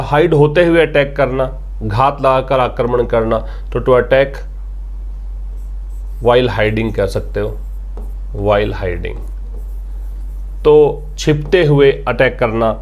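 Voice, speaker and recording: A man teaching English vocabulary, patiently explaining words and repeating them, asking questions and answering them himself. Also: mid-range voice. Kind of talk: vocabulary lesson explaining a newspaper article.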